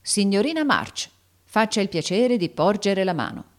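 A woman reading aloud and voicing an irritable older male schoolteacher who gives orders in a booming, commanding voice. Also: animated, normal speed, lightly acted. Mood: stern, scolding. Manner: stentorian, commanding.

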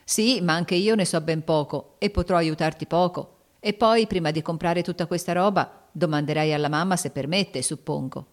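A woman's voice: on the low side, normal speed, natural voice. A woman voicing a sensible older sister. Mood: cautioning. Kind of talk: audiobook character reading.

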